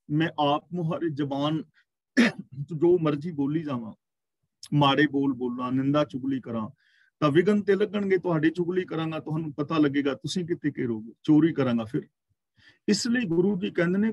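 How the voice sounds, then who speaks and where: A man teaching a scripture class, explaining verses word by word and slowly intoning the quoted lines. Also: a little high, darkish tone, no room sound, dull audio. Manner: explains verse word by word, slow chanted quotations. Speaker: katha teacher. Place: gurdwara class, online. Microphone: video call.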